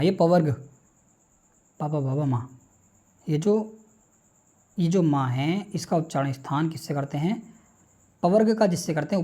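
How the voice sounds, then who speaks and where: A man's voice: fairly high pitch, warm tone. A man teaching a class, reciting speech sounds one by one and asking questions that he answers himself, in an informal, direct way. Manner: informal, addresses students directly. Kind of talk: classroom lecture on phonetics.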